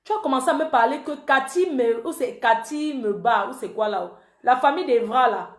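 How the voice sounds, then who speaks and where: A woman's voice: high voice, normal speed, roomy sound. A woman who calls herself the panther, angrily accusing a man she speaks to directly, in an emotional live-stream rant. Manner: accusatory, repetitive, addresses the absent man directly. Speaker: online commentator.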